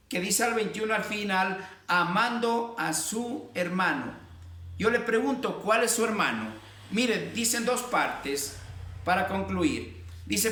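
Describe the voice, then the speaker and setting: A man preaches a sermon with a high, bright voice that rises and falls in fervent emphasis. He speaks from some way off the mic. The sound rings around an echoey room. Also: recorded from a distance. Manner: preaching with fervent emphasis and repeated "amados hermanos". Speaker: pastor.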